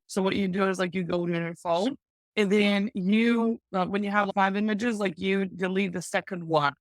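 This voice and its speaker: As a podcast guest, a woman gives practical e-commerce advice in a chatty, enthusiastic way, filling her casual interview talk with lots of "like". Her voice is fairly low, and the recording is dry.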